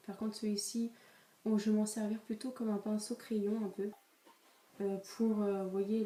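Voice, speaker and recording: A woman's voice: medium pitch, warm tone, distant mic. A young woman vlogger talking casually through a makeup haul, hesitant, with many fillers and restarts, recorded on a camera mic in a room at home. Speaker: beauty vlogger. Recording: echoey room, voice a bit off-mic, faint noise.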